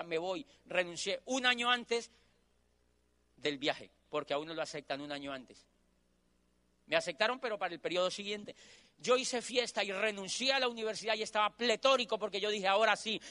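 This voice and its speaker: A middle-aged Colombian man with a Colombian accent tells his story to an audience. His voice sits high for a man and sounds bright and forceful. He drives his points home by repeating phrases. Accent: Colombian Spanish. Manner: animated storyteller who repeats phrases for emphasis. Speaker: motivational speaker. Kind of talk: motivational storytelling talk.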